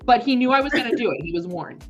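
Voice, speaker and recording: A woman co-hosting a podcast in casual group chat, lively and joking with quick asides. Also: a little high, dull audio, faint music behind. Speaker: podcast co-host.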